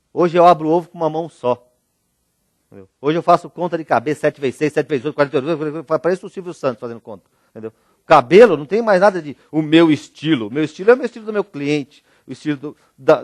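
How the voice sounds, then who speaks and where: Animated Brazilian man telling stories on stage. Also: a little high, dry recording, clean studio sound. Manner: animated, jokey, addresses audience directly. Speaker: motivational speaker. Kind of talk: storytelling keynote talk.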